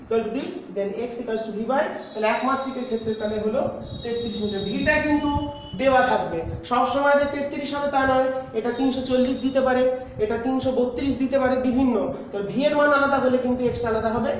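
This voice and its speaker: A man's voice: very high voice, fast. A man teaching a physics lesson, explaining step by step and asking questions he then answers himself. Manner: stepwise explaining, asks and answers own questions. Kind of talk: classroom lecture. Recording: very echoey room, faint noise.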